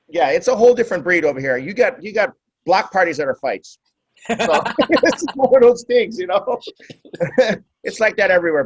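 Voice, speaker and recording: A man's voice: high voice, no room sound. A young man from Hawaii, a guest DJ, speaking easygoing on a video call and laughing between points. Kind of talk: casual video-call interview. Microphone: video call webcam.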